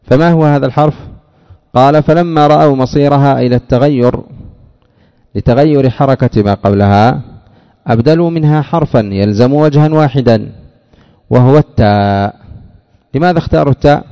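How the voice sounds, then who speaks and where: In a classroom lecture, a man teaches Arabic grammar step by step, posing rhetorical questions and drawling example words slowly. His medium-pitched voice is dark and clean, with a long reverb tail on lo-fi sound.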